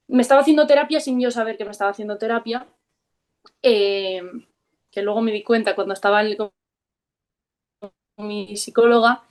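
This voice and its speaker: A woman with a Spain Spanish accent tells her own story as an interview guest. She speaks frankly and reflectively. She often pauses and hesitates softly as she works through the memory. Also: fairly high pitch. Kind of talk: candid personal storytelling.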